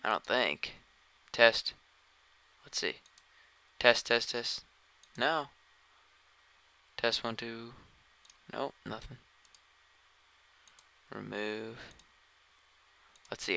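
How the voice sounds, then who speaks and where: A man's voice: mid-range voice, very slow, vocal fry, long pauses, sharp tone, smooth. A tired man streaming a game, chatting casually and thinking aloud as he plays. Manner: rambling, thinking aloud while playing. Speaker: gaming streamer. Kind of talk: casual live-stream commentary.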